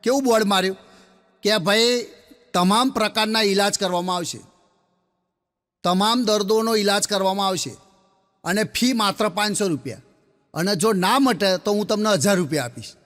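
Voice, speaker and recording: A man tells jokes as a stand-up comedian, his voice pitched high and carried by a long hall reverb. He chats along casually, laughs at his own lines and drops low to play the people in his stories. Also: normal speed, pauses often, a bit bright. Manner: chatty storyteller, laughing often, dropping low for the characters. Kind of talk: Gujarati joke-telling monologue.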